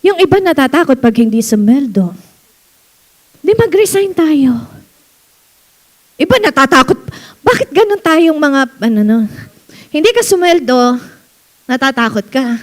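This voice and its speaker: A woman pastor preaching a sermon in church, animated, slowing down to read verses and laughing often. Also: sits high. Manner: animated preaching mixing Tagalog and English, reads verses slowly, laughs often.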